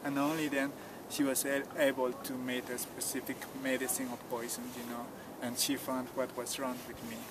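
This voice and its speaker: Recorded with a distant outdoor mic amid loud ambience, this noisy clip features a tour guide telling a story at a mountain site. He comes from the Cusco countryside in Peru and speaks Quechua as his first language. His mid-range voice moves at a moderate pace with few pauses, relaxed and simple, with frequent "you know."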